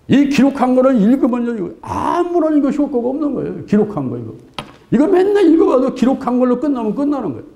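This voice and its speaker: A middle-aged male pastor preaching a sermon in a colloquial, animated way, acting out little scenes in voices. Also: high-pitched. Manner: colloquial, asks the congregation "예?" often.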